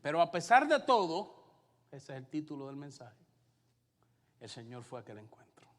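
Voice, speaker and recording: A male pastor with a Puerto Rican Spanish accent preaching a sermon and telling his own story, alternating loud emphasis with hushed asides. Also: a little high, big pitch swings, normal speed, long reverb tail. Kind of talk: sermon with personal testimony. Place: church sanctuary.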